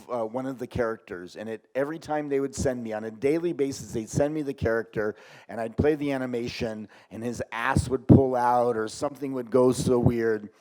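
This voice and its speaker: A middle-aged man leading a workshop for a live group, animated and shifting between loud and quiet. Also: medium pitch. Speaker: workshop leader.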